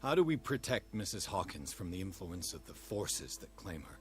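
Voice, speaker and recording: A man's voice: low voice, very animated, moderate pace. An actor playing a world-weary male investigator in a video game, terse, dry and sarcastic. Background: game music.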